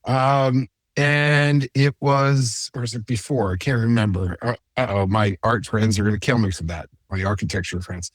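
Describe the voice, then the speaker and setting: A man's voice: medium pitch, fairly even intonation, normal speed, few pauses, no room sound. A man hosting a real estate show, chatting casually in a rambling, joking way with many asides. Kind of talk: casual on-camera chat.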